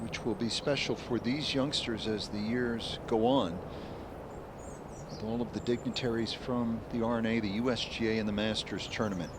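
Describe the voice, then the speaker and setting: A man's voice: on the low side, fairly even intonation, moderate pace, noisy background. A man hosting a golf broadcast with play-by-play commentary.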